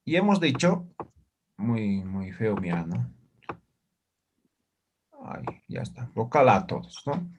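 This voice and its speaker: A man's voice: on the low side, big pitch swings, takes it slowly, long pauses, background noise. A man from Bolivia, teaching a live online language class over a video call and patiently checking in after nearly every phrase. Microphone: computer mic on a video call.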